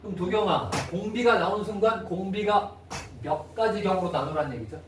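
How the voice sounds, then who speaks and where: A man lectures on math to a class, his voice pitched high and always coming back to quick questions to check that the students follow. The sound is roomy and echoey, caught from a distance with a faint hiss underneath. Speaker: math teacher. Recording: echoey room, mic far off, faint noise.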